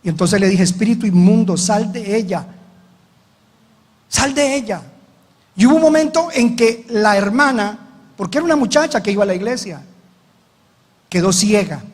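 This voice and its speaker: A man's voice: sits high, expressive, a little fast, darkish tone, long reverb tail. A man preaching as pastor, telling a story with dramatic retold dialogue. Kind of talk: sermon.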